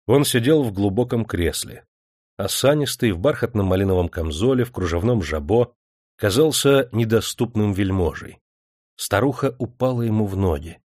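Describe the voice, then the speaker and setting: A man reading a historical novel aloud in steady audiobook narration. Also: fairly low pitch, dry recording, studio quality.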